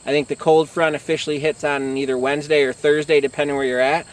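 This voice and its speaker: A man's voice: fairly high pitch, level tone, quick pace, roomy sound, distant mic. A middle-aged American man talking casually to camera as a hunting vlog host, conversational and matter-of-fact.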